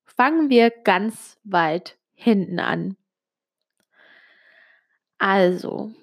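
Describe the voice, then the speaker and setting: Here a young vlogger from Switzerland, raised speaking Italian, shares something personal in German with barely a Swiss accent. Her mid-range voice stays casual and intimate, talking right to you with frequent small fillers.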